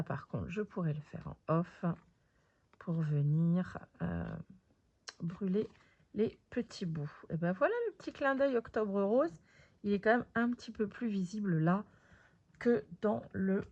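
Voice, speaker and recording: Slow, gravelly-voiced woman crafting. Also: mid-range voice, a little mellow, dull audio. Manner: thinks aloud with many fillers and pauses. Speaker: crafter presenting her project. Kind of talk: casual craft video commentary.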